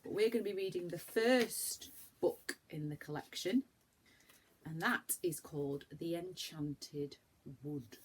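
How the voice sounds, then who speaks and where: In a lowish voice and at a slow pace, a woman reads a children's story with the animated, dramatic emphasis of a primary school teacher speaking to young listeners. The recording is low quality, with slight background noise.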